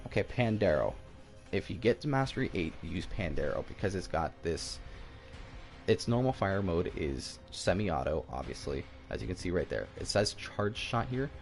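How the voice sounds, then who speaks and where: A man's voice: low-pitched, vocal fry, darkish tone. A man giving casual video game commentary, rambling along and often stumbling and repeating himself. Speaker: gaming YouTuber.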